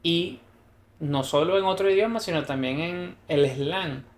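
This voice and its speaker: A man with a Venezuelan accent, talking casually as a podcast co-host. He tells lively stories and slips into the voices of the people he quotes. His voice rings out in a roomy, echoey space. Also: fairly high pitch, measured pace. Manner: lively storyteller who acts out quoted dialogue. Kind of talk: casual chat. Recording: roomy echo.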